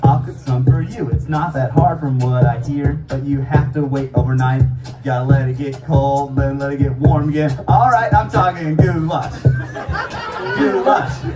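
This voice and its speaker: A man's voice: medium pitch, fairly even intonation, normal speed. A man, a musician, improvising sung lines and joking with the crowd in a playful, freewheeling way at a live venue. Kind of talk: improvised singing and stage banter. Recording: echoey live venue from far off. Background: loud live guitar.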